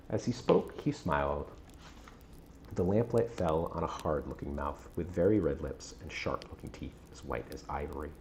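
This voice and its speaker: A man reading a gothic novel aloud with a measured, dramatic storytelling delivery. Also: rumbling low, darkish tone, a little hiss or hum. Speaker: audiobook-style reader on a stream.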